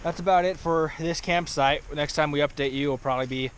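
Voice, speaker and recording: A man's voice: fairly high pitch, fairly even intonation, a little fast. Chatty young man vlogging outdoors in wind. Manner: self-deprecating, chatty. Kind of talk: casual outdoor vlog narration. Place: outdoors by a stream in snowy, windy weather. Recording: wind and outdoor noise behind.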